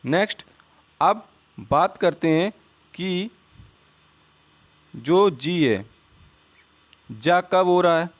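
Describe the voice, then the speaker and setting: An English teacher gives a Hindi-language spelling lesson over slides, his voice slightly raised, high, and lively in intonation. He speaks very slowly with long pauses, asking questions and answering them himself. Each word gets said twice in a patient, drilling manner.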